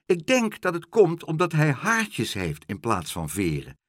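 A man's voice: a little high, wildly swooping pitch, measured pace, no echo, clean studio sound, pitched above the performer's own voice, exaggerated voice. A man voicing a fussy, talkative bird in a storybook, fretful as she explains.

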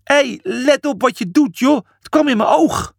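A high, panicky young male pig whines and jabs with cheeky remarks, as a male reader puts him on. The voice jumps all over the place and carries a gravelly edge. It sounds dry and close. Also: expressive, unhurried, dry recording, exaggerated voice. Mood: whiny.

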